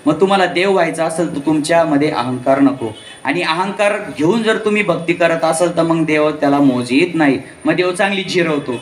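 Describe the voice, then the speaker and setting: A man's voice: on the high side, a little fast, roomy sound. A man preaching a devotional kirtan, telling a story and acting out its characters' voices. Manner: acts out characters' voices while telling stories.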